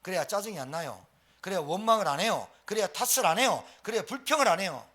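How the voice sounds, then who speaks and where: A man pastor preaching at a Friday prayer meeting, animated and colloquial, driving points home through emphatic repetition. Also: sits high, fast.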